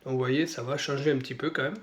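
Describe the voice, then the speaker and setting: A man's voice: medium pitch, fairly even intonation, fast, a little hiss or hum. French man with a stuffy cold. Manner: hesitant, many fillers and apologies. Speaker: model-kit hobby vlogger. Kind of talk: casual unboxing video.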